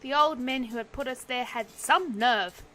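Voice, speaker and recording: A woman doing a gruff angry young cabbie. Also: very high-pitched, moderate pace, bright, forceful tone, soft background music. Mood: heated. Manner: put-on accent, heated ranting. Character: young angry male taxi driver, gruff ranter.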